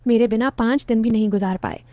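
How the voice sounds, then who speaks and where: A woman's voice: a little high, fast, mellow, no room sound, clean studio sound, lightly acted. A woman voicing a playful young wife who teases her husband and brushes off her sister. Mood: teasing. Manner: teasing, brushing off questions.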